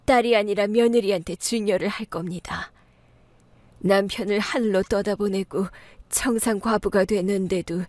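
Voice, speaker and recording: A woman's voice: mid-range voice, a little mellow, no echo, close to an everyday voice. A woman voicing a frail, dying old mother-in-law who speaks weakly and partly in a whisper, in a storybook radio tale.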